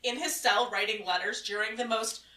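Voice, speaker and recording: A woman's voice: fairly high pitch, steady tone, moderate pace, pushed and bright. A woman co-hosting a casual film-review podcast, wry and questioning, with lots of "like" fillers. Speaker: podcast co-host. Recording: roomy, distant from the mic.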